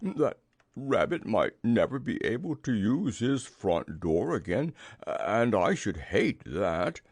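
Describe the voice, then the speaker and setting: Pooh, a slow, gloomy storybook bear. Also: male voice, mid-range voice, sing-song, a little mellow, no echo, heavily acted. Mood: sniffling, sorry. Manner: slow, ponderous, drawn-out delivery.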